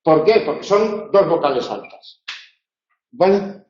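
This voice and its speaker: A man with a Spanish accent from Spain, tutoring a class, explaining step by step, correcting himself and often tagging his points with quick questions. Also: on the high side, very animated, a little mellow. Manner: explanatory, self-correcting, frequent tag questions. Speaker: university tutor. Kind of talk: lecturing in a tutorial. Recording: roomy, slightly dull classroom recording.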